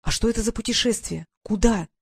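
A woman's voice: a little high, fairly quick, vocal fry, slightly rough, dry recording, studio quality, voice pushed up, full character voice. A woman voicing a stubborn, defiant young girl who speaks sharply. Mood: questioning.

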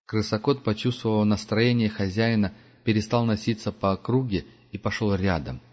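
Low-voiced male audiobook narrator. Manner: measured, steady storytelling. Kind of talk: scripted narration. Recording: dull lo-fi audiobook recording.

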